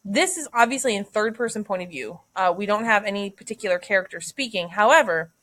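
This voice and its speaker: A woman's voice: mid-range voice, expressive, brisk, a bit bright. A woman teacher thinking aloud through a literary analysis lesson, casual, with many fillers and "right?" checks.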